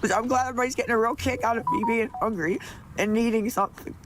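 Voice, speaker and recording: A woman livestreamer in an upset rant, pleading one moment and cursing the next in a fairly high voice. Her talk is rough and profane, full of complaints and threats aimed at her viewers. A faint noise sits under the recording. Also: quick pace. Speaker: livestreamer asking viewers for money.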